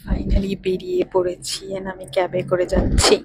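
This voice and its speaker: A young woman vlogging quietly from inside a cab, keeping her voice down so the driver won't hear. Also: on the low side, monotone, normal speed, low-quality recording. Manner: talking softly so others nearby won't hear. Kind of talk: hushed vlog chat. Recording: phone audio with road noise.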